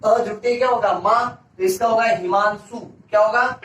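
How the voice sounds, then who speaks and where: A high-pitched male teacher walks through a grammar lesson, asking a question and then giving the answer himself, repeating it for emphasis. His voice sits back from the mic in an echoey room, with a faint hiss underneath. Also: steady tone, normal speed, fairly bright tone, recorded from a distance. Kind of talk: classroom-style grammar lesson.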